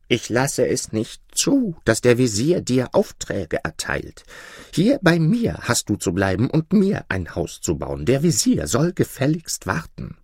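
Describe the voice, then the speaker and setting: A proud young lion king, put on by a storyteller, speaking in a deep, gruff storybook voice. He talks slowly and grandly, lording it over others. The recording is close and dry. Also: wildly swooping pitch, darkish tone, no echo, full character voice. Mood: bossy.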